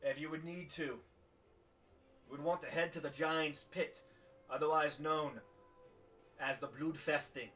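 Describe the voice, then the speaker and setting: A man narrating a fantasy tabletop session as its game master, pausing often and leaning on fillers. His voice is bright and mid-pitched. He sits a little back from the mic with soft music underneath. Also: steady tone, distant mic. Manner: halting, full of fillers.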